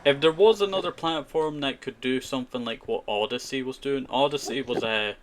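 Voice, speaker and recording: Against a noisy background, a man talks a little fast in a mid-range voice while streaming a survival game. He responds to viewers' chat casually and meanderingly, leaning on "you know" and "I tell you," as typing clicks along.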